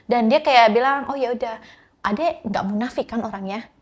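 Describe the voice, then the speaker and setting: A woman's voice: on the high side, moderate pace. A young woman from Jakarta telling her personal story in a casual podcast chat, acting out quoted lines and laughing often. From Jakarta, Indonesia.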